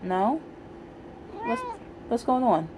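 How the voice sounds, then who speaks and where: A young woman speaks in cooing baby talk to a pet cat. She coaxes it with short, simple questions. The handheld recording is made indoors at home, with clear background noise. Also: on the high side, huge pitch swings, very slow.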